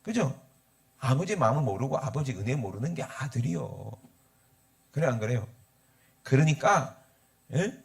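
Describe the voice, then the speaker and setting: Lively gravelly pastor. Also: male voice, medium pitch, normal speed, pauses often. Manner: animated, asks the congregation for responses. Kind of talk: sermon.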